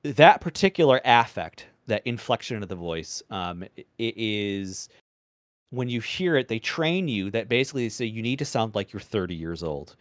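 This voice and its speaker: A man and former radio presenter, chatting as a podcast guest in a measured, deliberate way, projecting from the diaphragm and swearing casually. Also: lowish voice, big pitch swings, dry recording, studio quality. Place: podcast recording.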